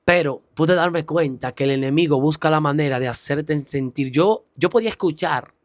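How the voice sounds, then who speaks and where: A man's voice: fairly high pitch, moderate pace, no room sound, studio quality. A man giving a personal faith testimony, earnest and rising into a preacher-like emphasis.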